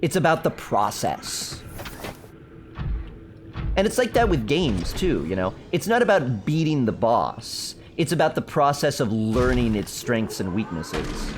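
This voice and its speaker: A young man with a medium-pitched, sing-song voice chats casually at a measured pace while streaming a survival game. He rambles through stories and answers his chat, with slight background noise.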